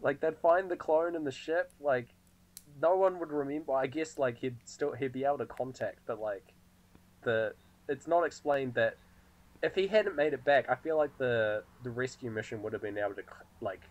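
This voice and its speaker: A man in casual podcast conversation, relaxed and loose in his phrasing. His speech is full of "like" fillers, and he laughs easily. He has a medium pitch and talks into a podcast microphone. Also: moderate pace, low-quality recording. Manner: laid-back, lots of filler "like", laughs often. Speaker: podcast co-host. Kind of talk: casual film discussion.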